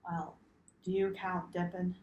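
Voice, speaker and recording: A laid-back retired farmer who loves golf, voiced by a young woman, answering intake questions in short, joking replies. The voice sits fairly low and barely changes from an everyday tone. It is recorded in an echoey room with faint background noise. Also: little pitch movement, a little slow, darkish tone, dull audio, natural voice. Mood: easygoing. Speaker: role-play patient. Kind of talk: mock patient intake role-play.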